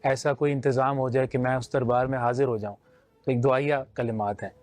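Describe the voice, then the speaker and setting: A man's voice: mid-range voice, fairly even intonation, a little fast, a little mellow, no room sound. Pakistani urdu guy judging naats, mid voice, faint music behind, explains with simple examples. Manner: explains with homely examples, mild humor. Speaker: naat competition judge. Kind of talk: judge's critique.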